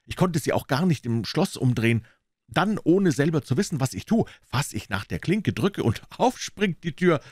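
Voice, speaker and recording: A man voicing an excitable, frightened boy. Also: on the high side, normal speed, husky, dry recording, studio quality, voice pushed up. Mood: breathless. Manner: breathless, excited storytelling. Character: excitable scared boy adventurer.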